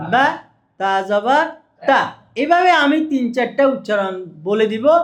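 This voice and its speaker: A man with a high-pitched voice lectures on teaching Quran reading. He keeps asking questions and answering them himself. He slows down to drill syllables one at a time. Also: a bit bright. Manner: asks and answers his own questions, drills syllables slowly.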